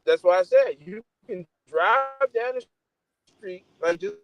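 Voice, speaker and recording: A man's voice: high-pitched, lively intonation, a little slow. A man talking casually over a phone call from a moving car, his voice cutting in and out and dropping away as the signal breaks up, restarting his sentences as he rambles. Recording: distant, patchy phone call.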